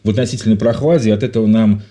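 A man's voice: on the low side, fairly even intonation, rapid-fire, mellow. A man hosting a live radio talk show from a studio, chatty and jokey, with frequent filler sounds.

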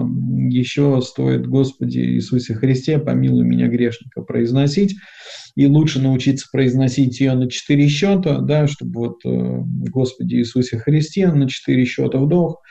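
A man giving a reflective spiritual talk on prayer, speaking softly and unhurriedly with many pauses and fillers. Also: medium pitch, creaky. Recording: dull lo-fi recording.

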